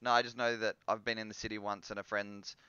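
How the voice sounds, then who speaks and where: A man's voice: lowish voice, flat delivery, fast talker, sharp tone, clean tone, no echo, muffled recording. A man hosting a live stream, teasing and laughing in casual chat. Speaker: host.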